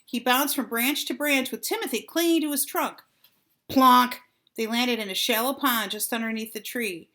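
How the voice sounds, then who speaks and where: An older woman, a grandmother, reading a children's storybook aloud with deliberate, dramatic phrasing and drawn-out words. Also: fairly high pitch, a bit bright.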